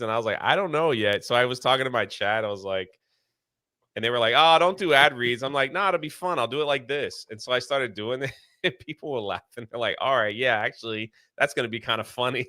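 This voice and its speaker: A man's voice: mid-range voice, fairly quick, pushed and bright, dry recording, studio quality. A man hosting a casual history podcast, rambling and laughing often as he chats. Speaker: podcast host and streamer.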